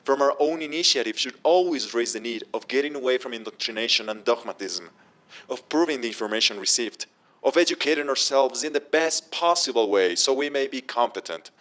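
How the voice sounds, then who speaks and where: A man delivering an earnest scripted speech in a measured, restrained way. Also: mid-range voice, expressive, fairly bright tone. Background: music.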